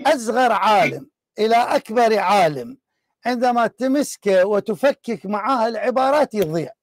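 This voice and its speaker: A man's voice: high voice, animated, moderate pace, no room sound. A man hosting a heated live religious debate, pressing and repeating his challenges. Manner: forceful, insistent, repeats challenges. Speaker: debate show host.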